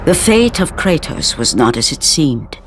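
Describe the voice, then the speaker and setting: Grave mythic narrator, dramatic scripted storytelling, measured, solemn, video game cutscene, music behind. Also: female voice, deep voice, big pitch swings, full character voice. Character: grave narrator of an ancient myth. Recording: music underneath.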